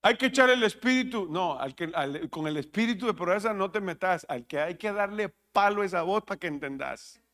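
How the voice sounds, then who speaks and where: A man's voice: high-pitched, moderate pace, a bit bright. A man, preaching a sermon as pastor, joking, laughing at his own jokes and questioning the congregation. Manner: jokey, laughs at his own jokes, acts out listeners' voices.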